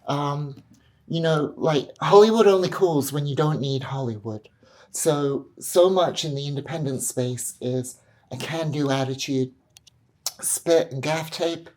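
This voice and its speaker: A woman's voice: sits low, moderate pace, darkish tone. A woman, an independent film director, chatting upbeat and directly to her viewers in a casual behind-the-scenes vlog.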